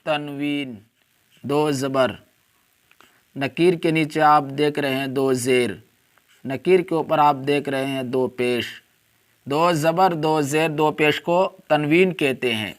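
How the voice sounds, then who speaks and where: A man with a slightly high voice gives a step-by-step reading lesson as a Quran teacher. He alternates quick explanations with slow, repetitive drills, sounding out each letter carefully. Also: fairly even intonation, clear, resonant tone. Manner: repetitive drilling, spelling out letters slowly and deliberately; brisk explanations between drills.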